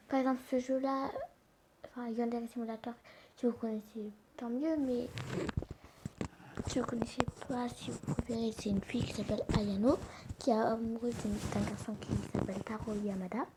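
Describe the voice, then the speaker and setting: A woman hosting casual mobile gaming commentary into a phone mic, talking in a halting way with many restarts and half-whispered asides. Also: on the high side, background noise. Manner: hesitant, halting, many self-corrections. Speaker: gaming channel host. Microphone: phone screen recorder mic.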